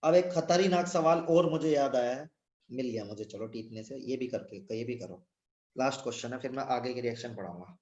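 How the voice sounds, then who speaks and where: Teaching chemistry online from his room, a man teases and scolds his students bluntly, talking a little fast. His medium-pitched voice is slightly mellow and echoes as if in a cave. The audio is dull, captured on the device mic with no earphones.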